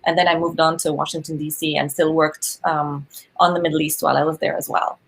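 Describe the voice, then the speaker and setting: Egyptian-born woman, lowish gravelly voice, thinks out loud on a podcast. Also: flat delivery, brisk. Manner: thoughtful, searching for words. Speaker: guest, social entrepreneur. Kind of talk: podcast interview.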